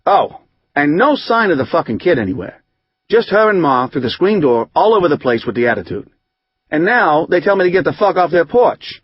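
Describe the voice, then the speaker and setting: A man reading an audiobook, voicing a rough, hot-tempered recovering drinker who rambles in profane street slang. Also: fairly high pitch, very animated, fairly quick, no room sound, muffled recording. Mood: aggrieved. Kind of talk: audiobook narration.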